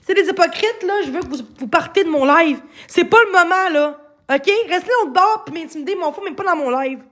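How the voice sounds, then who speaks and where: High-voiced agitated Quebec woman. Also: fairly quick, a bit bright. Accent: Quebec French. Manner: agitated, defensive, stammering repeats. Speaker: livestreamer. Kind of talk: upset livestream rant.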